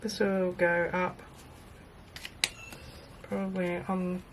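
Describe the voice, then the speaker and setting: Middle-aged woman, lower-pitched, informal craft demo narration; tinny, tin-can camera-mic sound with noticeable background noise. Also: level tone, takes it slowly. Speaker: craft video maker. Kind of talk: casual craft demonstration, thinking aloud. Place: indoors at a craft table. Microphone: built-in camera microphone, overhead at a distance.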